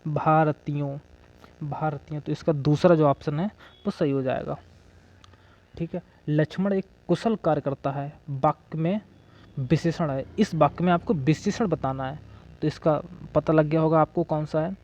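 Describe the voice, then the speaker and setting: A man's voice: on the high side, fairly even intonation, moderate pace, a little mellow. A man teaching an exam-prep grammar lesson, asking questions and then answering them himself, checking in with "okay" again and again. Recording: dull lo-fi audio.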